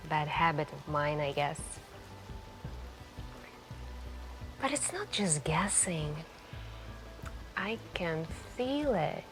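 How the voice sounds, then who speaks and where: A woman plays a mysterious, charming café stranger in an ASMR roleplay, speaking softly and intimately, slow and musing, gently flirtatious, with pauses between phrases. Her low voice swings widely in pitch, heavily acted, with a playful, intrigued mood. Music and falling rain play behind her storytelling.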